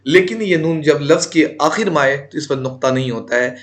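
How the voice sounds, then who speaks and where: Slightly high-voiced male teacher drilling terms. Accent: Indian. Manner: repeats terms and asks rhetorical questions before answering them; draws out example words slowly. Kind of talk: grammar lesson for exam students.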